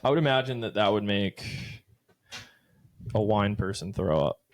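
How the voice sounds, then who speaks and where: This late-twenties man co-hosts a podcast, swearing freely and wandering through stories in easygoing conversation. He speaks at normal speed in an expressive voice on the low side.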